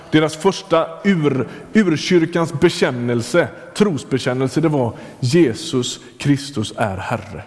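A man's voice: on the high side, a little mellow. A man preaching a sermon in a conversational way, speaking straight to the listener and often restarting his sentences. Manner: conversational, addresses listener directly, frequent restarts. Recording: long hall reverb.

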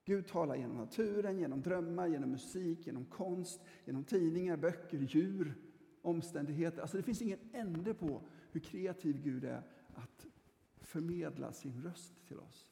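A male pastor preaching a sermon in a relaxed, conversational and reassuring way, with plenty of fillers and restarts. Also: fairly high pitch, gravelly, slight background noise. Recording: echoey hall with long reverb.

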